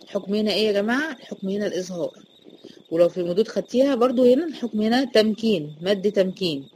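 Fast-talking Egyptian woman teacher. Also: medium pitch, lively intonation, darkish tone, slight background noise, low-quality recording. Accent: Egyptian Arabic. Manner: asks questions and answers them herself, drilling. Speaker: Quran recitation teacher. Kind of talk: classroom lesson explanation.

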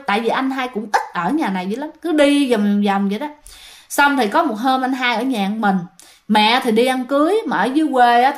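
A woman telling a ghost story in a casual, chatty way, talking straight to her listeners. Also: a little high. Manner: chatty, addresses listeners directly.

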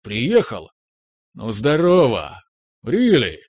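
A man's voice: mid-range voice, huge pitch swings, slow, darkish tone, husky, no echo, clean studio sound, full character voice. A man voicing a plump, sentimental middle-aged man who talks in a fussy, hesitant way. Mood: hearty.

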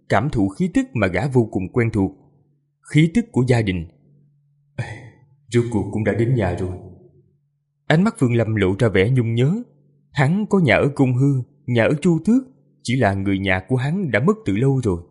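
A man narrating a fantasy audiobook with an expressive, lively delivery. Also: mid-range voice, slightly rough. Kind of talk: storytelling narration.

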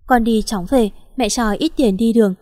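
A woman's voice: fairly high pitch, moderate pace, darkish tone, no echo, clean studio sound, natural voice. Woman voicing an older doting mother, anxious and fussing, storybook read. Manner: fussing, repeating herself.

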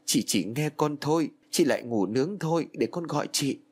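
A man's voice: mid-range voice, animated, moderate pace, pitched above the performer's own voice, close to an everyday voice. A man voicing a grieving young woman, the youngest sister, pleading insistently in an audiobook. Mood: frantic. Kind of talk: audiobook narration.

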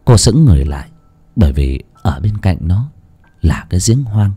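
A man's voice: low voice, moderate pace. A man narrating a horror audiobook dramatically. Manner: dramatic, expressive. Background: faint music.

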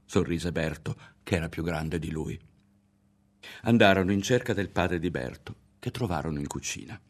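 Man, audiobook narrator, measured dramatic reading, husky voice, deep voice. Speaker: audiobook reader.

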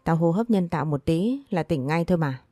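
Here is a woman reading a stern young master from an old storybook tale, a cool male doctor who gives short orders and brushes people off. The voice sits low and dark, and it comes across dry and close. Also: expressive, brisk, dry recording. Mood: scornful. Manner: curt and commanding.

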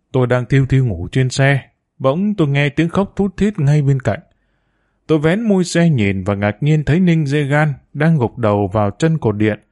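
A man reading a novel aloud as an audiobook narrator, with measured storytelling. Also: mid-range voice, a little mellow.

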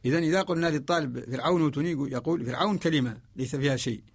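A man with a Mauritanian accent teaching a radio lesson, his voice a touch higher than most men's. He explains each rule step by step and recites short verse examples along the way. The sound is dry and close, from a radio studio. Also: very fast, breathy edge, dry recording. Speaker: teacher of Quranic orthography.

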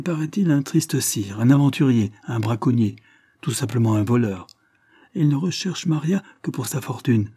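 A man's voice: medium pitch, mellow, husky. A man reading the part of an anxious, shaken noblewoman in an audiobook, asking urgent questions.

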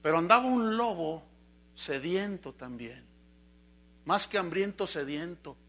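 A man preaching a sermon as pastor, telling a fable with animated storytelling. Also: sits high, measured pace.

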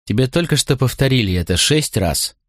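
A man's voice: fairly low pitch, very animated, measured pace, no echo, clean studio sound. A man voicing an impatient, cross young woman in an audiobook. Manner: cross and clipped.

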